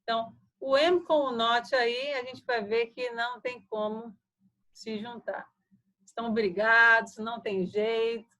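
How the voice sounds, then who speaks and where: A woman English teacher whose first language is Portuguese walks her students through grammar in an online lesson. Her voice sits a little high, and she explains step by step with a patient, conversational manner, pausing to check that everyone follows. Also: animated, fairly bright tone, poor audio.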